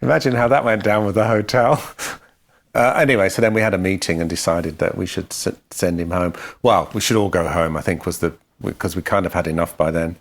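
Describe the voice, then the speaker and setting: A man's voice: low-pitched, fairly even intonation, brisk. A man co-hosting a podcast, telling band anecdotes in a dry, matter-of-fact way. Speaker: podcast co-host and musician. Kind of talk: casual storytelling chat.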